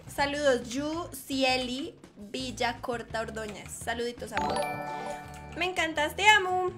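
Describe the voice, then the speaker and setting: High-pitched lady streamer teasing her chat, music in the background. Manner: playful, teasing, chatty with viewers. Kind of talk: live game stream chat.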